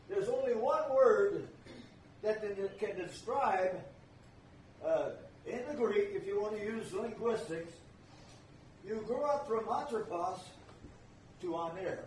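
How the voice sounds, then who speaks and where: A man's voice: high voice, a little mellow, slight background noise. An older man preaching a sermon, emphatic and repeating his key phrases. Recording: echoey room, voice from far off.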